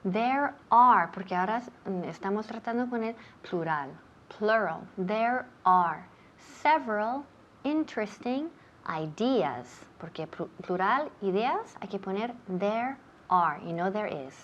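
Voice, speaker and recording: A woman's voice: medium pitch, expressive, a little slow, fairly bright tone. A woman teacher from running a bilingual English lesson, patiently repeating words for pronunciation drills. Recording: dull lo-fi sound.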